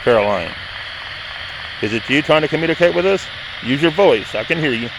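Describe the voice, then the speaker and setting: A man's voice: a little high, lively intonation, brisk. Man ghost hunting, very noisy outdoor recording. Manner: repeats simple questions and commands. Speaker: paranormal investigator hosting a spirit box session. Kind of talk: addressing spirits and viewers on location. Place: outdoors in a cemetery.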